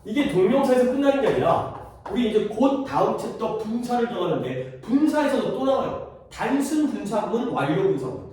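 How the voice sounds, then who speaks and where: A man's voice: very high voice, big pitch swings, fairly quick, a little mellow, a little hiss or hum. A male teacher giving a classroom grammar lesson, quizzing his students and repeating key terms. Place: classroom at a cram school. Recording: echoey classroom, voice from far off.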